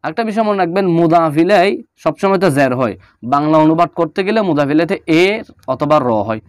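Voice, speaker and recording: A man explains a grammar lesson, repeating each example slowly with small fillers between points. His voice sits a little high for a man and sounds close and dry, with no room behind it. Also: animated, clear, resonant tone, no room sound. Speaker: Arabic grammar teacher. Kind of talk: explaining on-screen notes in a lesson.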